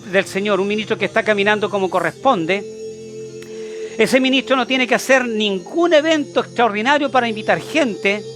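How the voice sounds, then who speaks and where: A Chilean man preaches in a high, ringing voice. He is emphatic and repetitive and keeps turning to his listeners with rhetorical questions, while faint music plays beneath him. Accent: Chilean Spanish. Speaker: apostle and preacher. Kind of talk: sermon.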